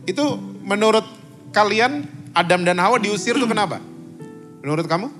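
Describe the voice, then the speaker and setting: A man's voice: sits high, lively intonation, normal speed, fairly bright tone, faint music behind. A man, a pastor, preaching conversationally as a talk-show guest, quizzing the audience and mixing in English words. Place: church meeting room.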